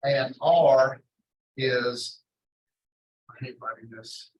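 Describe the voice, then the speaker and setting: A man giving an informal university math lecture in a rambling, halting way, often interrupting himself and drifting into asides. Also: medium pitch. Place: indoor classroom. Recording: echoey lecture room, distant mic.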